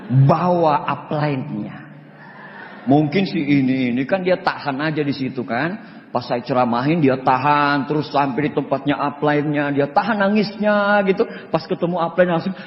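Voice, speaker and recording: A young man from Indonesia giving an animated motivational talk, telling a story and acting out both sides of it. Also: on the high side, normal speed. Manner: acts out both sides of the story, laughing, shouting quoted lines. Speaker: motivational speaker. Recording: echoey hall, dull sound.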